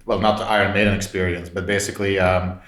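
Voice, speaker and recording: A Belgian podcast guest with a low, level, slightly bright voice tells anecdotes quickly and informally, acting out conversations and saying "like" often. The sound is roomy and echoey.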